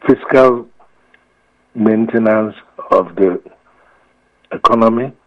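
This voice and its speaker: A man's voice: on the low side, slow pace. A man with a Ghanaian accent explaining his views emphatically and with repetition, as an expert guest in a radio interview. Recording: muffled, echoey radio feed.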